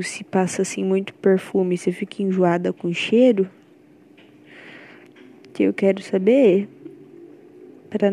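A woman's voice: medium pitch, dark tone, poor audio. A young woman with a Brazilian accent recording a rambling, nervous, affectionate voice message for her girlfriend. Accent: Brazilian Portuguese. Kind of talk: intimate personal voice message.

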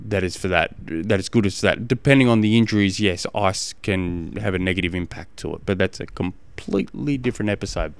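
A deep, smooth-voiced Australian man hosts a podcast, giving casual coaching advice. He explains haltingly and keeps repeating phrases.

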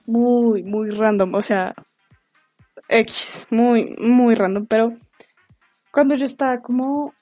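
A Colombian woman in her twenties tells stories in a chatty, slangy way for a casual podcast. Her voice sits a little high, and she jumps higher still when she acts out quotes. The sound is dry and close, with faint music underneath. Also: steady tone, takes it slowly, long pauses, mellow, dry recording. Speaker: podcast host.

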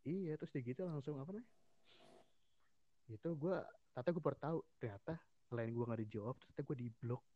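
A man tells a personal story in casual podcast chat, using slangy Jakarta street talk with many restarts and quoted lines. His mid-range voice is fast, broken by long pauses, and the sound is dull and lo-fi.

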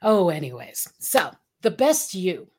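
A woman's voice: fairly low pitch, big pitch swings, a little slow, a little mellow, slightly rough. A woman in her fifties hosting a talk show, upbeat and laughing often as she chats. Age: 50s. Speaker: host. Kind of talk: casual talk show chat.

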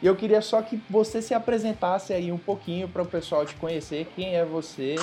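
Um homem com sotaque brasileiro, apresentador de podcast, recebe os convidados num bate-papo descontraído e animado. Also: male voice, high voice, fairly even intonation, fairly quick, warm tone, faint music behind. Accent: Brazilian. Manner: upbeat and welcoming. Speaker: podcast host. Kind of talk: casual podcast chat, interviewing.

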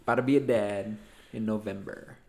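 A man's voice: fairly low pitch, steady tone, a little fast, creaky, warm tone, slight background noise. A young man co-hosting a podcast in casual chat, upbeat and teasing, laughing often. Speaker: podcast co-host.

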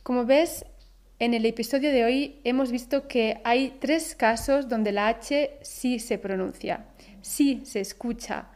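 A woman with a Spain accent hosts a scripted language podcast. Her voice sits a little high, and she speaks slowly. She says each example word with careful pronunciation. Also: a little mellow. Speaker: Spanish teacher, podcast host.

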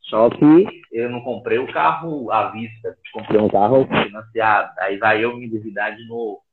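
A man telling his story as an interview guest, heard over an internet call line, halting and often repeating words. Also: fairly low pitch, background noise. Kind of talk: casual personal story. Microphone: remote call device. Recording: tinny echoey call audio.

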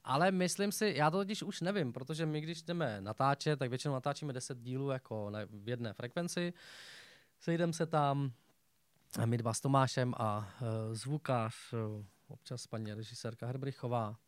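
A man's voice: mid-range voice, smooth, dry recording. A young man chatting as a talk show guest, rambling along with many fillers and restarts. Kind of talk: casual chat.

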